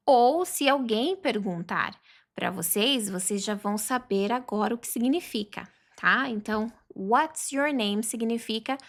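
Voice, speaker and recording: A woman teaching a beginner English lesson online, drawing out model phrases slowly and often checking in with her students. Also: on the high side, bright, forceful tone. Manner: slow, drawn-out model pronunciations with frequent "tá?" check-ins.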